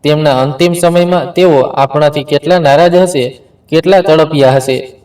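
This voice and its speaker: Figure: a man reading as a grown son full of regret. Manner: pleading. Pitch: slightly high. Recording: voice set back from the mic. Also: steady tone, normal speed, a little mellow, recorded from a distance, natural voice. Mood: remorseful.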